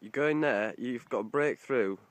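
This is a vlogger wild camping on a coastal hillside, a young man chatting into his phone held in hand. He laughs readily and curses occasionally, speaking at a moderate pace in a mid-range voice on a dry recording.

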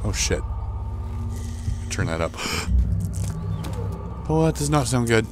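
A young game streamer commentates a horror game as he plays, swearing often and yelping in panic whenever monsters appear. His mid-range voice is slow, with big swings in pitch.

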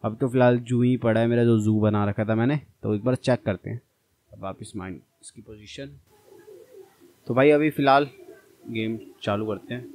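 A man's voice: mid-range voice, a little mellow. Chatty man narrating gameplay. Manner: chatty, addresses viewers as brother. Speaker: gaming channel host. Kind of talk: casual gameplay commentary.

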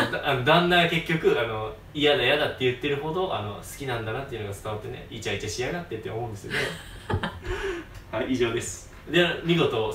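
関西なまりの若い男性ホストが、場面を声色で演じながら笑い混じりにくだけた調子で作品愛を語る。. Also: male voice, mid-range voice, slight background noise. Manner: excitable, acts out scenes in voices, laughs often. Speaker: host. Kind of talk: casual fan talk. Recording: roomy echo, distant mic.

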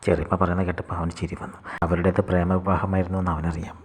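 Brief: male narrator for a short story, hushed, very husky, quick. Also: low-pitched, little pitch movement, long reverb tail.

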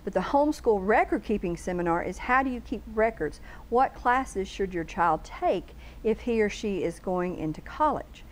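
A woman's voice: mid-range voice, expressive, normal speed, few pauses, poor audio. A woman, a guest on a local TV talk show, explaining things earnestly and laying out long lists of questions in a studio. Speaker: homeschool bookstore guest. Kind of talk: casual TV interview chat.

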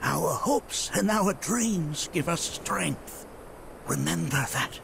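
An actor voicing a wise old man who gives slow, gentle sage advice. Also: fairly high pitch, lively intonation, gravelly, noisy background, exaggerated voice.

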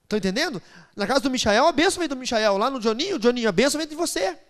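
Animated pastor preaching in a reverberant hall. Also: male voice, extremely high pitch, racing. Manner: animated, playful, acts out voices, builds to loud preaching. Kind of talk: sermon with storytelling. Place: church hall.

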